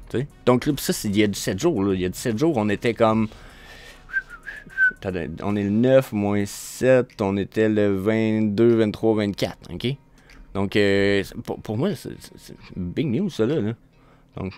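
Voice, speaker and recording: A man's voice: on the low side, a little mellow. Rambling Québécois man hosting a show. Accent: Québécois French. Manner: rambling, stumbles and restarts often. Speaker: show host. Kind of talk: casual screen-share commentary.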